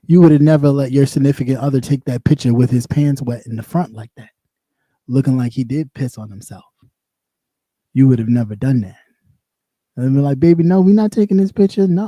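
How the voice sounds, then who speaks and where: On the high side and warm, with no echo and a normal pace, this light-voiced man rants casually on his livestream. Once a radio host, he is blunt and sassy, talking in loops and saying the same things again.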